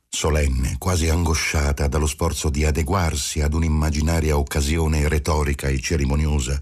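A man narrating a literary novel as an audiobook reader, measured and expressive. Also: a bass voice, slightly rough.

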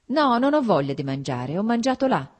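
A woman's voice: medium pitch, big pitch swings, normal speed, pitched above the performer's own voice. A woman reading aloud, voicing a cheerful young male landowner who speaks eagerly and in exclamations. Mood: exuberant.

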